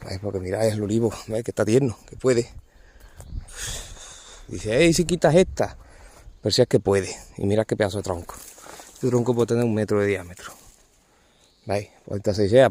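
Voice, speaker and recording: A man's voice: on the low side, warm tone. A man, explaining olive pruning outdoors in an olive grove, informal and constantly pointing things out to viewers. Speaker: olive pruner. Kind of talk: hands-on field demonstration.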